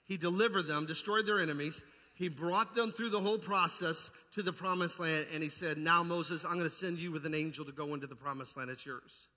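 In a big indoor church hall, a man preaches with charismatic fervor, hammering home repeated phrases and asking his flock rhetorical questions. He sounds a little high, brisk, pushed and bright. Amplification and a lingering hall echo color the recording.

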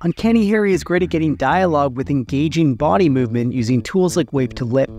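A man hosting a tutorial, explaining things step by step in a steady way. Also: on the high side, fast talker, faint music behind. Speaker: tutorial host.

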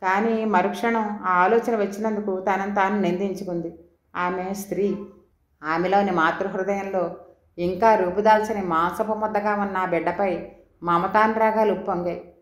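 A woman's voice: mid-range voice, fairly even intonation, moderate pace, reverberant. A woman reading a novel aloud as an audiobook narrator, voicing the dialogue in her own voice. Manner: reads every character's dialogue in her own voice.

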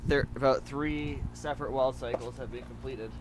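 A man explaining his blacksmithing work step by step, in a plain, halting way with many fillers. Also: mid-range voice, fairly even intonation, crowd noise. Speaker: hobby blacksmith. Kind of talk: explaining narration over a demo. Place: outdoor backyard forge. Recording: noisy outdoor recording.

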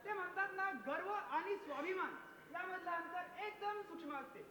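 A man's voice: very high-pitched, moderate pace, pushed and bright, slight background noise. A man acting on stage, playing a preachy, boastful village man in a comedy play. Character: proud middle-aged village man, boastful. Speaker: stage actor. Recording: echoey hall from a distance.

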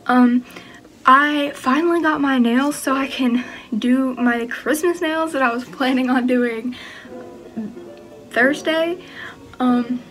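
A high-pitched young woman chatting in a laid-back home vlog, bubbly and full of little giggles. She keeps hiccuping as she talks, and music plays clearly underneath her. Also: takes it slowly, pauses often, a bit bright, low-quality recording. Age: young adult. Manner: chatty and bubbly, with frequent giggles and filler words. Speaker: vlogger. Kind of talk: casual chat.

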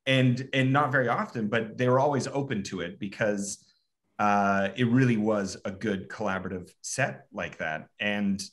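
A man's voice: lowish voice, normal speed, a bit bright. A man talking casually on a panel as an actor, earnest, repeating words as he searches for them.

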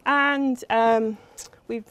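Chatty English woman lecturer, bright voice. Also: on the high side, fairly even intonation, very slow, clear, resonant tone. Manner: chatty, self-deprecating, frequent ums. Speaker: university lecturer. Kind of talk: academic lecture.

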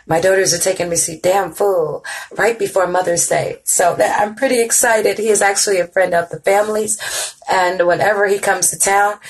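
A woman's voice: mid-range voice, breathy edge, low-quality recording. A middle-aged woman hosting an online music show, chatting playfully with listeners and singing along now and then. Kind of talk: casual live-stream chat.

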